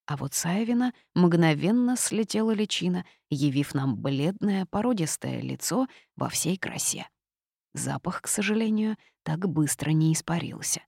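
A woman reads as a young witch telling her own tale, in a low, gravelly and dark voice with a teasing, lively edge. The sound is dry and close, like a storybook audiobook. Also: normal speed, dry recording, full character voice. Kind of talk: audiobook reading.

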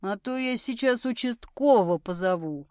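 Woman as a bold, sharp-tongued woman. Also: fairly high pitch, animated, normal speed, no echo, studio quality, natural voice. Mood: brisk.

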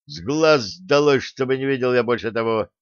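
Grumpy elderly retiree, read by a man: curt grumbles, gruff, dry muffled recording. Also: mid-range voice, normal speed, no echo, natural voice. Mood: grumbling.

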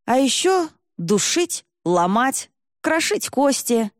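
A woman voicing a cold, menacing male owl-serpent creature who speaks slowly and drawn out. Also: sits high, big pitch swings, dry recording, clean studio sound, pitched above the performer's own voice, heavily acted. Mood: coldly menacing.

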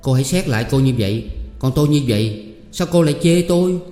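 A man voicing a boastful, pushy rich young male scholar who talks loudly. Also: on the high side, lively intonation, quick pace, faint music behind, voice pushed up, lightly acted. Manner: pleading and boastful, loud. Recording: echoey room with long reverb.

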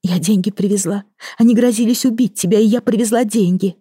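Brief: female narrator voicing young woman confessing, breathless, pleading, pitched up. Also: brisk, dark tone, breathy edge, dry recording, clean studio sound, lightly acted. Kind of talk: audiobook reading.

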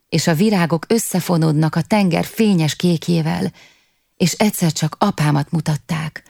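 A woman's voice: deep voice, vocal fry, a little mellow, dry recording, studio quality. A woman reading an audiobook, voicing a young man who wistfully tells the listeners about his past. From half Turkish, half Kurdish (figure). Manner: wistful storytelling, addressing listeners.

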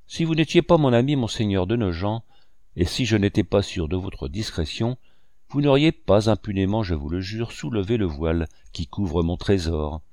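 A man's voice: lowish voice, expressive, normal speed, darkish tone, no echo, studio quality. A man reading as an earnest young sculptor. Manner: earnest, solemn delivery. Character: young male sculptor, passionate and secretive.

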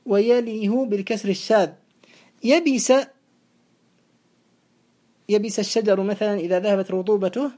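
A woman teaching a classical grammar lesson, explaining in a measured way and reciting verse slowly. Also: a little high, warm tone.

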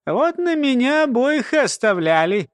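Man doing old nanny woman, sly, mumbling, folksy; high and lively, dry read. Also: measured pace, dry recording. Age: older.

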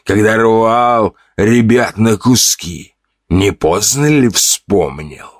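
A man's voice: on the low side, slow pace, no echo, clean studio sound. A man doing a sneering cruel bandit chief. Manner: mocking, contemptuous. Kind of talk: audiobook character voice.

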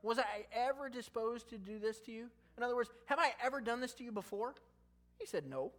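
A man's voice: very high voice, lively intonation, a little fast, a bit bright. Male pastor, casual sermon, conversational and humorous between scripture readings. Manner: conversational, jokey asides while reading scripture.

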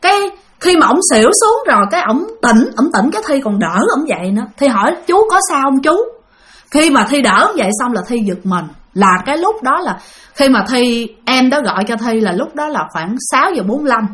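A woman's voice: a little high, sing-song, fairly quick, fairly bright tone. A woman casually telling a spooky first-person story, referring to herself in the third person and speaking directly to her listeners.

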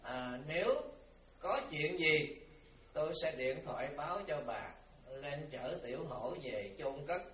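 A man playing a calm, kindly monk who greets temple guests and explains things gently. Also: on the high side, measured pace. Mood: soothing. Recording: roomy, from far off, faint hiss.

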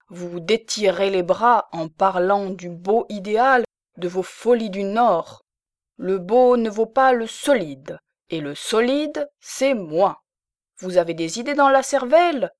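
A woman's voice: mid-range voice, no echo, studio quality. A woman voicing a fierce, domineering old peasant spinster in an audiobook, with vehement, scolding delivery. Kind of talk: audiobook character reading.

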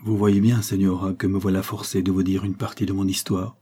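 A man voicing a young melancholy convict and former naval officer in an audiobook, grave, measured and sorrowful, with a husky low voice. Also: flat delivery, dark tone.

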